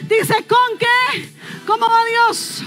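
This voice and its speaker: Woman pastor, very high voice, slow drawn-out delivery, chanting and shouting, call-and-response preaching, loud worship band behind. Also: level tone. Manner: chants and shouts, half-singing lines; commands the congregation to repeat phrases. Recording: live church service over loud music. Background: loud instrumental worship music.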